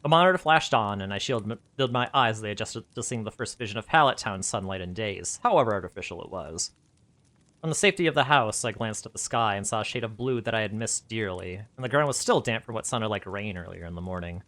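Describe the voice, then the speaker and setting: A man reading his own story aloud in an animated way, laughing at his own asides. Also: fairly low pitch, fast.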